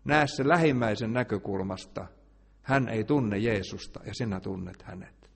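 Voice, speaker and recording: A man preaching a sermon, swinging between quiet, hushed asides and loud, emphatic declarations. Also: lowish voice, creaky, breathy edge, big-room sound.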